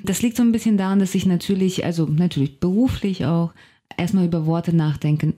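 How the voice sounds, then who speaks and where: She speaks a little fast in a fairly low, dark voice, a radio studio guest who works as a novelist and translator and grew up speaking Russian. Reflective in manner, she ponders aloud and gropes for the right phrasing.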